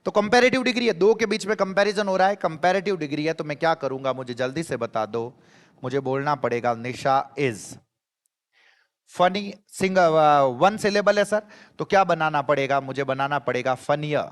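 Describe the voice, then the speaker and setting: A man teaches an exam-prep grammar lesson, his voice sitting a little high. He talks in an animated way, repeating key phrases and quizzing his students. The sound carries a long reverb, as if in a hall. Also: moderate pace.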